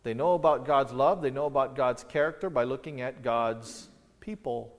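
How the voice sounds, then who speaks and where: A man's voice: medium pitch, normal speed, in a large hall. A pastor preaching an expository sermon in an earnest manner, stressing questions as he builds each point.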